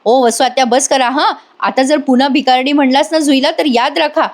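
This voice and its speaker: An earnest young wife who is caring and protective, as a woman reader puts her on. She speaks sincerely and turns firm in a fairly high voice. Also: normal speed, close to an everyday voice. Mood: indignant. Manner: earnest, firm when defending.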